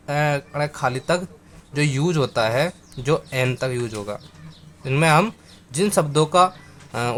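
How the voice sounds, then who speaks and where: A man teaching a grammar lesson, going over words slowly and again and again, spelling them out letter by letter and speaking to viewers as friends. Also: fairly high pitch, a bit bright, a little hiss or hum.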